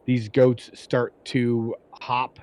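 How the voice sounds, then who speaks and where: A man works as game master, improvising the story of a tabletop game. His voice sits at a middle pitch, and he narrates in a halting, conversational manner. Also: little pitch movement, a little mellow.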